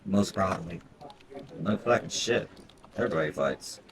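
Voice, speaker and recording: A game streamer with a low-pitched voice does casual let's-play commentary, reading visual novel text aloud and tossing in foul-mouthed, irreverent remarks. He speaks at a moderate pace with lively intonation, while game music plays and a crowd can be heard in the background.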